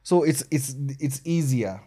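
A man's voice: medium pitch, expressive, unhurried, mellow. A man with a Kenyan accent chatting casually, switching languages mid-sentence as he explains things. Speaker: rapper and songwriter. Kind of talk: casual conversation.

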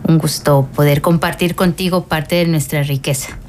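Calm middle-aged woman, a religious sister. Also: low voice, moderate pace, slight background noise. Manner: calm, explanatory, frequent fillers. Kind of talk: radio interview.

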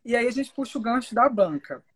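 A woman with a Brazilian accent hosts a casual interview. Her voice sits fairly high and has a husky, breathy edge. She talks in an informal, conversational way. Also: lively intonation, fairly quick. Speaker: interviewer, host. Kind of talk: casual live interview chat.

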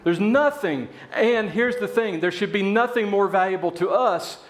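A man preaching a sermon in a church, telling a parable with animated voices for its characters. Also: high voice, moderate pace, echoey room, a little hiss or hum. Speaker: pastor.

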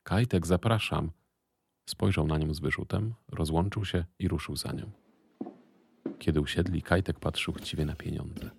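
A man narrating an audiobook in a steady, even reading voice. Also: extremely low pitch, normal speed, creaky, husky.

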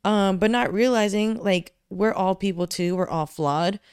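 A woman's voice: mid-range voice, unhurried, a little mellow, clean tone, no room sound, studio quality. A young woman co-hosting a podcast, talking frankly and reflectively in casual chat. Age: young adult. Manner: reflective, frank, laughs easily. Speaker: podcast co-host.

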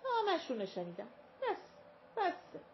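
A woman voicing a stern, sharp-tongued mother of the house in a storybook reading, curt and dismissive. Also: very high-pitched, wildly swooping pitch, voice pushed up, exaggerated voice. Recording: dull lo-fi recording with faint hiss.

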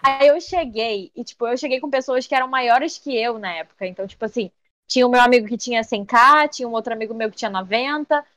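A woman's voice: a little high, fast. A young woman, a social media creator, chatting casually as an interview guest and telling stories animatedly, acting out the voices of people she quotes. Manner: animated storyteller who acts out quoted voices and says "tipo" often.

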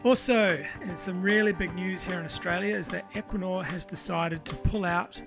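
Higher-pitched, gravelly male podcast host. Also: normal speed, music in the background. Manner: informal, sweary, enthusiastic. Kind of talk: casual chat with spoken introduction.

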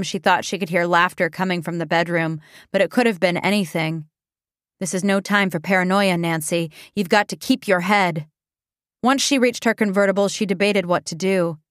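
A woman reading an audiobook in a steady, measured storytelling voice on a close microphone. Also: mid-range voice, no echo. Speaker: audiobook narrator. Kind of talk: scripted narration.

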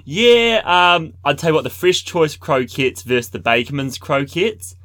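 A man's voice: on the high side, normal speed, fairly bright tone, dry recording. Dry-sounding New man bantering casually. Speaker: podcast host.

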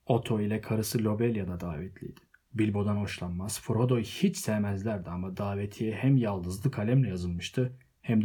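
A man reading a novel aloud as an audiobook narrator, in measured, steady storytelling. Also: lowish voice, husky. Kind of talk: scripted literary narration.

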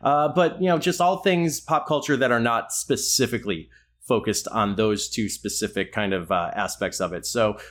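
A man's voice: mid-range voice, moderate pace, fairly bright tone. A man hosting a casual roundtable podcast about trivia, with wry, sarcastic asides. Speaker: podcast host.

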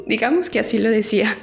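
A woman giving an instructional audio lesson as an acting teacher, speaking directly to the listener and guiding them through an exercise. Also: fairly high pitch. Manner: addresses listener directly with instructions and reflective questions.

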